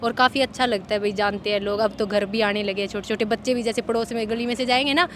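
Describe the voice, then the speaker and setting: A woman's voice: mid-range voice, fairly even intonation, quick pace, a bit bright, a little hiss or hum. A young woman from Haryana, chatting in an outdoor interview about her dancing, chatty and often laughing. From Haryana, India. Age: young adult. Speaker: interviewee, elder of two dancing sisters. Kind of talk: casual interview chat.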